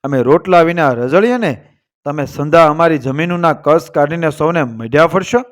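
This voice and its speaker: A man's voice: a little high, moderate pace, close to an everyday voice. A man voicing a threatening male outlaw horseman who makes harsh demands. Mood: menacing.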